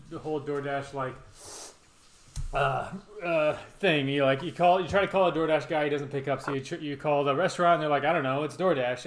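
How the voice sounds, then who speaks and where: A middle-aged man hosting a casual chat, telling stories in a halting, hesitant way. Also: fairly high pitch. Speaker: podcast host and challenge organiser. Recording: roomy, echoing sound with background noise.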